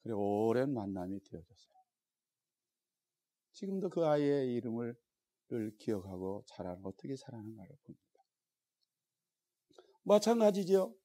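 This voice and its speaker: A man, a Korean pastor, preaching a sermon with animated delivery that swings between loud exclamations and hushed prayer. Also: medium pitch, normal speed, long pauses. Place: church sanctuary.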